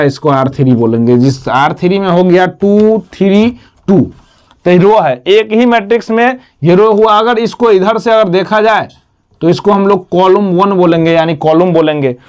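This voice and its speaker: A man's voice: high-pitched, moderate pace, a little mellow, clear, resonant tone. A man teaching a math lesson, repeating each term and asking and answering his own questions. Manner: repetitive, quizzes himself with questions and answers.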